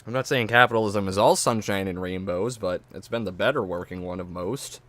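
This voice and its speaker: A man's voice: sits low, brisk, a bit bright. A man streaming a reaction, ranting bluntly and swearing often, stumbling over his words. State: stuttering, drinking an energy drink. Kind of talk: casual profane reaction commentary.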